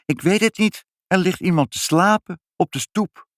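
Reading a storybook aloud, a man voices an eager, caring little girl, pitching his natural voice higher than usual so it sits high. He speaks at a normal speed on a dry, studio-quality recording.

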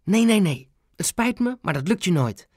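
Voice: mid-range voice, big pitch swings, darkish tone, no echo, studio quality, voice pushed up. A narrator voicing a feisty, fussy old grandmother in a hospital bed, in an audiobook reading. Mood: incredulous. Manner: quick, incredulous, fussy.

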